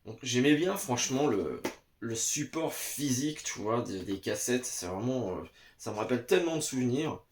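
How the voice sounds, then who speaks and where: A man's voice: medium pitch, animated, moderate pace, slight background noise. A man chatting casually to the camera at home, hesitant and full of "euh" fillers, talking straight to the viewer. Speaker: vlogger reviewing VHS tapes. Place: home basement. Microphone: camera in front.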